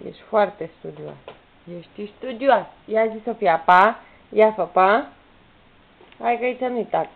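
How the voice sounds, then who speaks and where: A young woman with a gravelly, mid-range voice uses playful baby talk to coax her toddler, repeating prompts while filming at home in a room with a bed. The camera's built-in mic gives tinny, lo-fi sound with a little noise.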